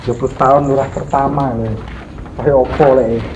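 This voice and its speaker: A man's voice: medium pitch, steady tone, fairly quick. Echoey lo-fi man with Javanese Indonesian accent. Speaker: ghost-hunting vlogger. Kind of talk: casual exploration vlog chat. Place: abandoned old house and well at night. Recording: lo-fi, echoey, noisy with animal and ambient sounds.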